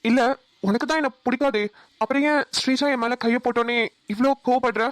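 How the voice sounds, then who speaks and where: A woman voicing a patient young husband in a cartoon, speaking softly and apologetically. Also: a little high, fairly even intonation, brisk, dry recording, natural voice. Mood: coaxing. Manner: soft, coaxing, apologetic. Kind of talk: cartoon voice acting.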